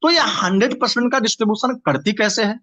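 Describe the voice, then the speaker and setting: A man's voice: high voice, fast talker, bright, forceful tone. A man presenting and explaining a business plan to his audience, steadily, with frequent restarts and repeated words. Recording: dull lo-fi recording.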